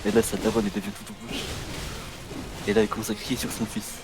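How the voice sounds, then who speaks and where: A man's voice: on the low side, level tone, fast talker. A man in his twenties telling a rambling childhood story on a game stream, restarting his sentences and acting out the voices of the people in it. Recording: game music playing behind.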